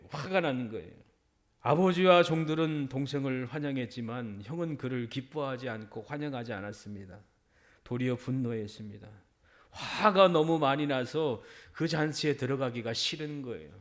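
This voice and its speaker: A middle-aged man preaching a sermon as pastor, repeating phrases for emphasis and voicing quoted speech. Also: mid-range voice.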